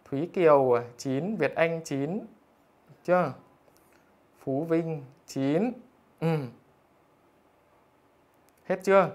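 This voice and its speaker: A man's voice: fairly high pitch, takes it slowly, pauses often, darkish tone. Teasing man teacher. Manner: teasing, jokey, keeps asking "được chưa?". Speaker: math teacher. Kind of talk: online livestream lesson, reading out scores.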